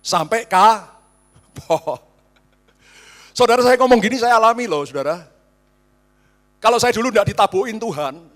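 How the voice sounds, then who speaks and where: A middle-aged man from Indonesia preaching a sermon as a pastor, swinging between loud emphasis and hushed asides. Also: on the high side.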